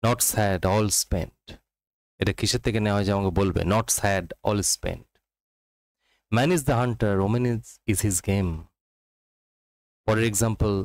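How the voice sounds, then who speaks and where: A man with a Bengali accent teaching English literature for exams, reading quotations slowly and explaining quickly in Bengali mixed with English. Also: on the low side, darkish tone, dry recording, low-quality recording. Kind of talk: exam-prep literature lesson.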